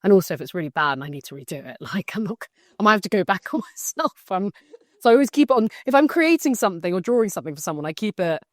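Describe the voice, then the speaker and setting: A young woman co-hosting a podcast, chatting in a bubbly, animated way and laughing often. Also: medium pitch, rapid-fire, no room sound, studio quality. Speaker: podcast co-host. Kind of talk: casual chat.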